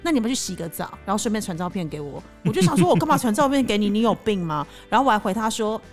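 A woman, co-hosting a casual chat show and telling a story with animated, teasing delivery. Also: medium pitch, fast talker, soft background music. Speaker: podcast co-host.

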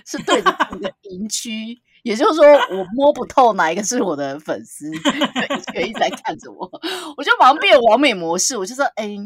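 A woman telling a long, animated story on a podcast, acting out what people said and often laughing. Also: medium pitch, brisk, few pauses, husky, no room sound. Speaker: podcast co-host. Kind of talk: casual storytelling chat.

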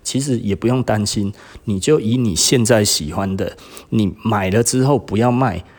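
Speaking at normal speed in a fairly low voice, this middle-aged podcast host and shop owner has a Taiwanese Mandarin accent. His talk is casual and chatty, full of laughter and animated bursts of quoting others.

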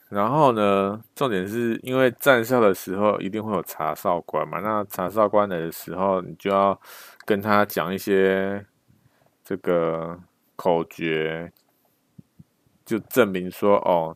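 A man's voice: low-pitched, no room sound. A young man, casually telling a story with lots of restarts and slang.

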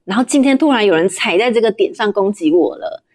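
A woman's voice: medium pitch, lively intonation, fast talker, darkish tone. A young adult woman with a Taiwanese Mandarin accent, chatting candidly as a guest in a casual interview. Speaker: interview guest, livestream shopping host.

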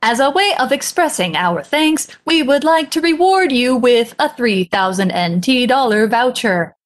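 A woman's voice: fairly high pitch, a little slow. Give me a woman putting on a stiff robot voice. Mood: mechanical. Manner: flat, stiff machine-like reading. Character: female robot voice reading a bank text message. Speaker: English teacher co-host.

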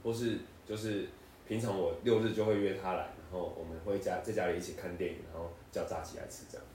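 A low-pitched young man with a Taiwanese Mandarin accent rattles off childhood stories at a brisk clip, laughing as he goes. He sounds set back from the mic in a very echoey room, with a faint hiss underneath. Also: flat delivery, darkish tone, far from the mic. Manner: laughs often, storytelling. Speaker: podcast co-host. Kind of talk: casual chat.

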